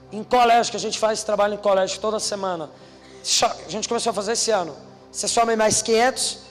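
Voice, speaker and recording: A young Brazilian man preaching at a youth conference, telling a story and acting out the dialogue, swinging from hushed lines to shouts. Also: high-pitched. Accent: Brazilian Portuguese. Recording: reverberant hall with music behind.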